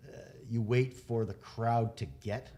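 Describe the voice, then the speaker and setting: A man's voice: medium pitch, flat delivery, unhurried, dark tone. A middle-aged man guest on a casual podcast, telling rambling anecdotes about community theatre and trailing off with chuckles.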